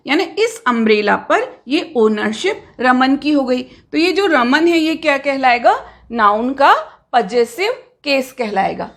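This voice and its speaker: Slow, high-voiced woman teaching grammar. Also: a bit bright. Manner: patient, asks questions and answers them herself; mixes Hindi with English terms. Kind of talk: classroom grammar lesson.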